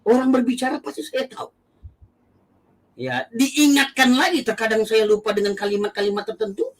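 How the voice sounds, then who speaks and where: A middle-aged man from Aceh with an Acehnese accent tinged by Medan and eastern Indonesian speech, giving an emotional personal testimony that swings from low murmurs to high cries. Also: flat delivery, moderate pace. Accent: Acehnese with Medan and eastern Indonesian traces. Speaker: testimony guest.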